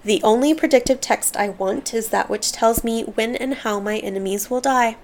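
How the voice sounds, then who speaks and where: A woman with a slightly high voice hosts a book show, reading passages aloud with care. When she speaks for herself she sounds heartfelt and earnest, tripping over a word here and there as she gets moved. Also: normal speed, a little mellow, slight background noise. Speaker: book podcast host. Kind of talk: reading book excerpts aloud, then personal commentary.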